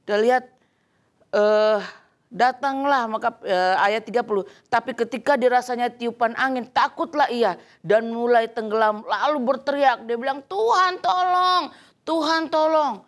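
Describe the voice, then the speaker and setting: A woman telling a Bible story to children in an animated teaching voice. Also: a little high, moderate pace. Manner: animated storytelling, acting out quoted lines. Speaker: Sunday school teacher.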